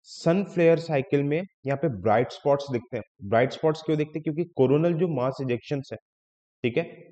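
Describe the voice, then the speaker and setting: A man's voice: fairly high pitch, dark tone, dull audio. Man teaching in an echoey hall. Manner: explains step by step, mixing in English terms, often checks "ठीक है". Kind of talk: exam-prep lecture.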